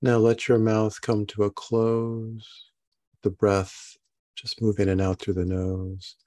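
A man guiding a body scan meditation in a calm, soothing, halting manner with long pauses between phrases. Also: on the low side. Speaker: meditation guide.

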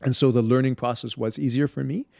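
A man's voice: mid-range voice, steady tone, fast talker, gravelly, dark tone, no room sound, clean studio sound. A man from Barbados, a guest talking about his Bible storytelling in a reflective interview, with many restarts and fillers.

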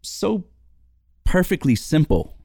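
A man's voice: fairly high pitch, sing-song, slow, vocal fry, dark tone, breathy edge, no echo, clean studio sound. A man interviewing a guest in a casual chat, encouraging and complimentary.

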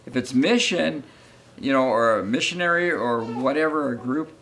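An earnest man speaks eagerly and a bit haltingly about hosting visitors. Faint room ambience hangs behind his voice. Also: mid-range voice, a bit bright, a little hiss or hum. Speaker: homeowner and guest. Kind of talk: casual interview.

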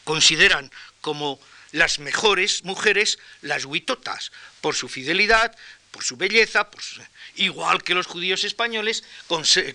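Older Castilian-accented male lecturer, high and very bright voice, measured storytelling delivery. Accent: Castilian Spanish. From Spain. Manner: measured, anecdotal, with pauses and restarts. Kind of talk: academic lecture.

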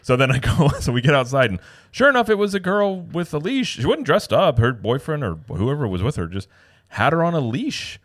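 Speaking in a fairly high, sing-song voice at a slightly fast clip, this man co-hosts a podcast and rambles through a long story, performing other people's lines as he goes. The casual chat is recorded dry with studio quality.

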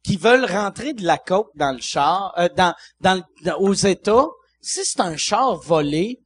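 A man's voice: sits high, expressive, measured pace, a bit bright, husky. A man with a Québécois accent, a podcast host chatting casually and joking with his guests. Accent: Québécois French. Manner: joking, chiming in with laughter. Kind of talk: casual chat.

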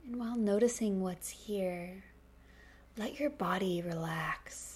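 A woman leading a guided meditation in a soft, breathy, calming near-whisper. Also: medium pitch, slow. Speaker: meditation instructor.

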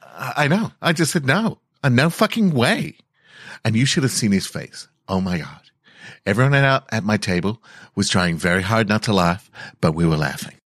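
A man improvising a blunt young woman who rambles indignantly and climbs high in pitch when she gets upset. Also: very animated, normal speed, a bit bright, dry recording, studio quality. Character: blunt young woman, brash then tearful.

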